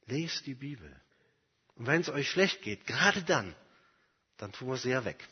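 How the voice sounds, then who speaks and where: Male preacher, sermon, husky voice, earnest and emphatic, long reverb, dull lo-fi sound. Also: mid-range voice, big pitch swings, measured pace. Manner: earnest, emphatic, personal examples, swings from loud to very soft.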